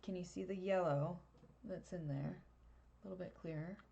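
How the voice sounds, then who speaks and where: A woman with a fairly low voice talks through a live drawing lesson, explaining each step as she works. She is chatty and laughs at her own slips. She is picked up by a webcam mic. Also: normal speed, creaky, mellow, muffled recording. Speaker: art teacher.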